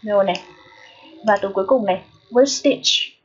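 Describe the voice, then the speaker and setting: Vietnamese woman, English teacher, husky voice, mid pitch, keeps asking if students follow, dull lo-fi recording. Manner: checks in with listeners often; repeats each word slowly. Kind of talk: phonetics lesson.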